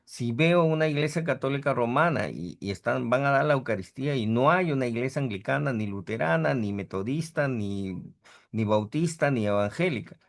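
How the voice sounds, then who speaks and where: A middle-aged man, a priest, giving an informal theology lecture over a video call, often ending sentences with a questioning "no" and acting out the voices of people he quotes. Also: medium pitch. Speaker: priest teaching a theology class.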